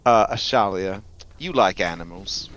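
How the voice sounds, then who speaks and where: A man chatting casually as a player in a tabletop roleplaying game, with a wry, playful deadpan manner. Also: sits low, a little slow, muffled recording, slight background noise. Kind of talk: casual in-character game chat.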